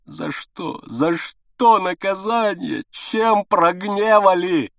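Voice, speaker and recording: A frantic middle-aged peasant father, as a male reader puts him on, begging in a storybook. His pleas leap from low hushed whispers to high, cracking cries. The recording is close and dry. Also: expressive, moderate pace, slightly rough, no echo. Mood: anguished pleading.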